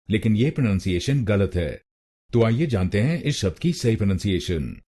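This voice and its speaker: A man gives a scripted pronunciation lesson at an unhurried pace, repeating each syllable with care. His voice sits a little low and carries a husky edge, and his pitch moves in lively swings. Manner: slow, deliberate, repeating words syllable by syllable. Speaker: pronunciation teacher. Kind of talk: scripted instructional narration.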